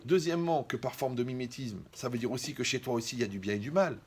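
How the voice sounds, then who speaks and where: A man's voice: mid-range voice, quick pace, breathy edge. A man performing a stand-up comedy monologue, acting out dialogues with mocking asides.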